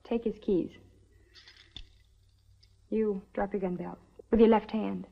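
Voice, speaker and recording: A woman's voice: medium pitch, steady tone, slow, gravelly. An actress playing a desperate frontier woman on the run who gives urgent, commanding orders, in a 1950s TV western. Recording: dull lo-fi old TV sound.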